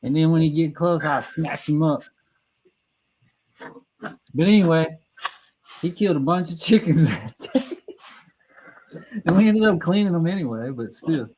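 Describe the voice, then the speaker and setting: A man's voice: fairly high pitch, expressive, a little slow, pauses often, a little mellow, slight background noise, poor audio. A middle-aged man telling a rambling, profane story in casual talk, laughing at his own tale and restarting sentences as he goes. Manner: restarts and stumbles mid-sentence.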